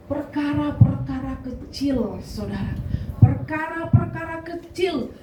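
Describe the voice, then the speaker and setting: High-voiced woman preaching in an echoey church. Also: darkish tone. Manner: conversational preaching, repeated address to the congregation. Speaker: pastor. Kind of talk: Christmas Eve sermon. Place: church hall. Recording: echoey church hall, distant mic, noisy.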